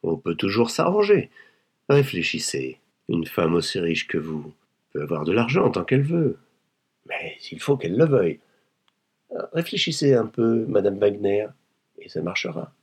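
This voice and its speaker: A man's voice: lowish voice, big pitch swings, moderate pace, breathy edge. A man reading a novel aloud and voicing an insolent, coarse blackmailing woman who speaks with mocking, overly familiar coolness. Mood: demanding. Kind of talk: audiobook reading.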